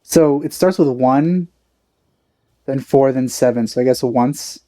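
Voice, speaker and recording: A woman with a very low, dark voice talks through a video game, tossing out playful, teasing asides. Her tone is relaxed and mellow. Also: a little slow. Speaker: let's play gamer. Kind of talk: casual gameplay commentary.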